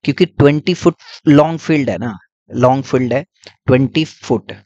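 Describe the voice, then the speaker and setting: A man's voice: mid-range voice, moderate pace, darkish tone, no echo, muffled recording. A man teaching English grammar, explaining patiently, repeating points and checking in often with his students. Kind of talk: classroom-style grammar lesson.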